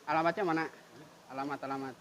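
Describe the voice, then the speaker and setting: Calm coaxing man. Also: on the high side, quick pace. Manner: calm, coaxing, repeats soothing phrases. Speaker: volunteer caring for a homeless man. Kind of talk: filmed street outreach, talking to a man on camera. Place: roadside outdoors near a market. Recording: outdoor traffic and insect noise.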